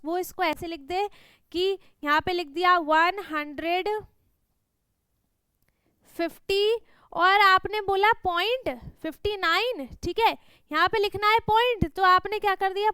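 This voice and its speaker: A woman's voice: very high voice, sharp tone, dry recording. A woman maths teacher, patiently explaining a worksheet to children and often asking whether they follow. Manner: patient, repeats "thik hai?" and "hai na?" to check understanding.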